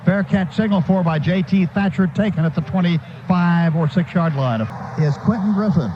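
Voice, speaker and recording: Over a muffled, noisy, low-fidelity radio feed, a high-voiced American man calls a football game live at a normal speed. As the play-by-play announcer, he speaks in clipped, pressing, staccato phrases.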